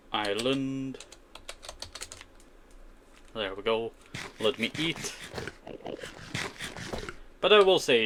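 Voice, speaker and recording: During a survival-game live-stream, a man in a mid-range voice chats casually and answers viewers, wandering from point to point with frequent "you know" and "I tell you." Keyboard typing and clicks and some background noise come through.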